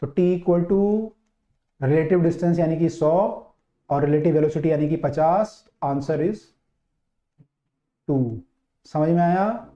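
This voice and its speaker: Male physics tutor, high-ish voice, dark tone, chatty and coaxing, repeats points; roomy, muffled recording. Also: slow pace, pauses often. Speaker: physics teacher. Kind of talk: online class lecture. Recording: dull, roomy online-class audio.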